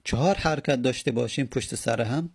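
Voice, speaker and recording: Guy giving a grammar lesson, kinda gravelly voice, goes over forms again and again. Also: mid-range voice. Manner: slow, explanatory, repeats and spells out word forms. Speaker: teacher. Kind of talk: Arabic grammar lesson in Persian.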